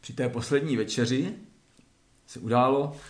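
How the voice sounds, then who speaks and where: A man giving a spoken lecture that explains religious texts step by step, often pausing to clear his throat. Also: mid-range voice, slight background noise. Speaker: lecturer on esoteric Christianity. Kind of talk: spoken lecture with Bible reading. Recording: roomy echo.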